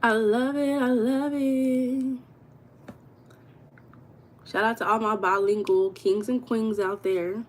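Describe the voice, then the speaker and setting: A woman's voice: on the high side, steady tone, slow, pauses often, slight background noise. An American woman hosting a casual livestream, chatting with her viewers and reading their comments aloud. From United States. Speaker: livestream host.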